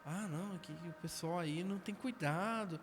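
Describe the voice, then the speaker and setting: A Brazilian man with a high-pitched voice appears as a podcast guest, recounting stories from his life at a normal pace with slang and dark humor. The casual mix of testimony and chat is captured on a noisy recording.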